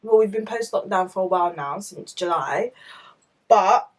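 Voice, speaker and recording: A woman's voice: mid-range voice, expressive, moderate pace, rough recording. A twenty-five-year-old woman, chatting candidly to camera in a casual vlog, full of "like" and "obviously". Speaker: vlogger.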